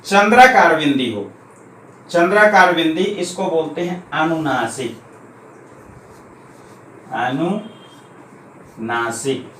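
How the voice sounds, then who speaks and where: Guy teaching grammar, kinda high voice, patient, says terms twice, echoey room. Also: animated, a bit bright. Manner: patient, explains step by step, repeats terms slowly. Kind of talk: grammar lesson. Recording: echoey room, faint ambient noise.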